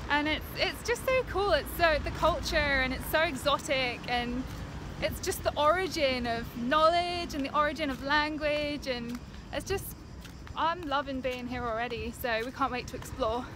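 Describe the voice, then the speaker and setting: A woman's voice: high voice, moderate pace. A young Australian woman chatting casually in a sailing vlog, giggly and upbeat, filming herself at arm's length outdoors. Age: young adult. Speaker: sailing vlogger. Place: outdoors on a sailboat and streets. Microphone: camera held at arm's length. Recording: loud wind and outdoor noise.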